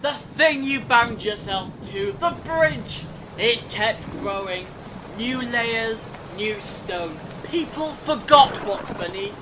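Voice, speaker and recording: An actor playing a defiant, mocking time-travelling alien hero, sardonic and theatrical, in a fan audio drama. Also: male voice, lively intonation, takes it slowly, exaggerated voice. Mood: scornful. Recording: noisy rumbling ambience.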